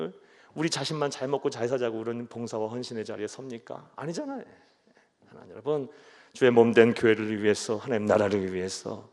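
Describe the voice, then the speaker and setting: A male pastor preaching a sermon in a church, moving between soft conversational asides and loud, emphatic exhortations. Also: mid-range voice, creaky. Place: church sanctuary. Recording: long church hall reverb.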